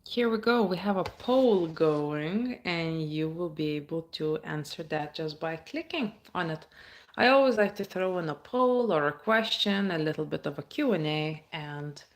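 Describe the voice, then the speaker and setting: Lower-voiced woman streaming live. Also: expressive, a little slow. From Baltic states. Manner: chatty, reads viewer comments aloud and answers them. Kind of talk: casual live-stream chat. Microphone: phone.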